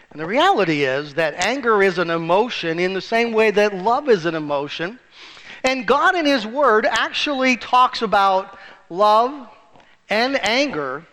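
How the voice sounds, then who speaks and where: A man's voice: sits high, bright, forceful tone. A man preaching a sermon as pastor, telling a joke story with acted voices and rising sharply for emphasis. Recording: reverberant church hall.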